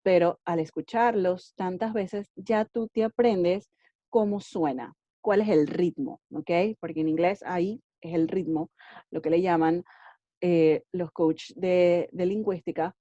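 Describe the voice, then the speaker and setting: A woman's voice: fairly low pitch, fairly even intonation, measured pace, mellow, dry recording, muffled recording. A woman English teacher giving casual advice on learning languages, often checking in with "ok?" and slipping in English words. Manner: friendly, checks in with frequent "ok?"; mixes English words into speech.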